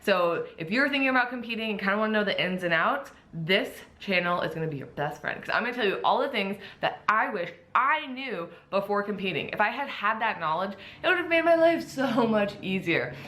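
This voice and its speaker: Bright-voiced upbeat woman with a slight lisp. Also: mid-range voice, animated, fairly quick, few pauses. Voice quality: slight lisp from wearing clear dental aligners. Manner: upbeat, enthusiastic, chatty. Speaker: vlogger, bikini competitor. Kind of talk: casual vlog talk.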